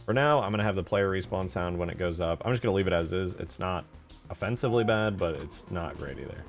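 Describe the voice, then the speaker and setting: A game modder streams his work live, talking casually and half muttering to himself in a fast, low-pitched voice. Background music plays under his informal chat.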